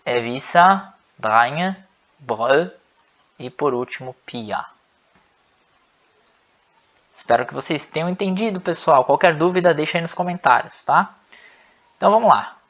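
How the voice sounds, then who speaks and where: A man's voice: mid-range voice, muffled recording. A man teaching an online language lesson, explaining patiently and often checking in with his viewers. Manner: slow, patient explaining with frequent "né?" and "pessoal".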